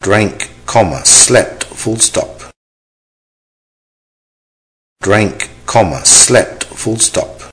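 Male dictation reader, deep-ish and unhurried, deliberate delivery for a language lesson. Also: animated, fairly bright tone. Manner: measured, deliberate, each phrase said three times. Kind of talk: slow repeated dictation with spoken punctuation.

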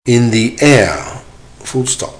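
A man reading a dictation exercise as a teacher, in short, measured, deliberate phrases with punctuation spoken aloud. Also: medium pitch, expressive. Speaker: language teacher giving dictation.

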